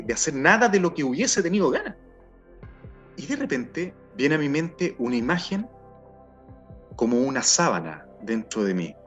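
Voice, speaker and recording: A middle-aged Chilean man telling his personal testimony in an earnest, halting way, often repeating words as he searches for them. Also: fairly high pitch, fairly bright tone. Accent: Chilean Spanish. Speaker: testimony speaker. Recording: dull sound with faint music behind.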